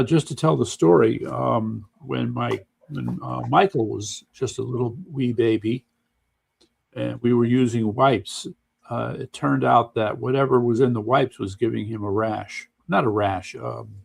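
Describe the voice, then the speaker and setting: Gravelly man in casual news chat. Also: medium pitch, steady tone, a little slow. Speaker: podcast host.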